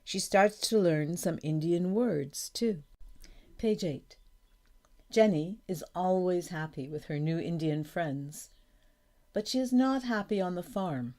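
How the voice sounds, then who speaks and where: A woman reading a storybook for learners aloud, slowly and carefully, announcing each page. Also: lowish voice, warm tone. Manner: slow, careful, clear reading. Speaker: audiobook narrator. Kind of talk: scripted narration of a graded reader.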